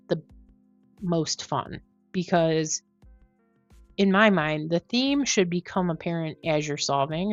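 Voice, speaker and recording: A woman thinking out loud in casual commentary on a puzzle, musing and questioning herself as she explains. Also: lowish voice, highs cut off. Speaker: host of a crossword solving video.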